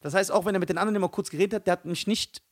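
A man's voice: sits high, very fast, a little hiss or hum. A young man on a casual podcast, telling a story with lots of laughter and imitated voices. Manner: animated storytelling, mimics voices, laughs often. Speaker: podcast co-host.

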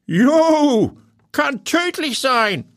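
A slow, lecturing old grandpa. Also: male voice, very high-pitched, very animated, voice pushed up, full character voice. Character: elderly grandfather, lecturing, dry and knowing.

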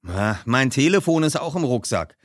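A man's voice: mid-range voice, big pitch swings, normal speed, no room sound, studio quality, pitched above the performer's own voice, natural voice. A man voicing a boastful, offhand rich teenage skater boy. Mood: casual. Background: background music.

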